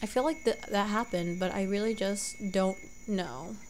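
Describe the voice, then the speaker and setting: A young woman casually commentates a let's play, her medium-pitched voice congested from allergies and moving at normal speed. She rambles, often corrects herself, and sounds unsure, with a little hiss or hum in the recording.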